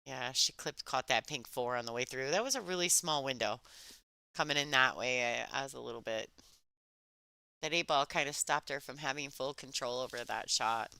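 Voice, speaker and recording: A woman commentating live on a pool match in a restrained, soft-spoken golf-commentator voice, chatting conversationally as she follows the play. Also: a bass voice, moderate pace, creaky, dry recording. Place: alone in a chilly room.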